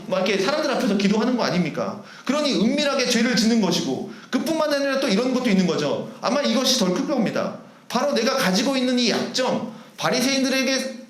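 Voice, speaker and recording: A male pastor preaching, animated, asking the congregation rhetorical questions in a church sanctuary. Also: very high-pitched. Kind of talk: sermon. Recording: roomy church hall echo.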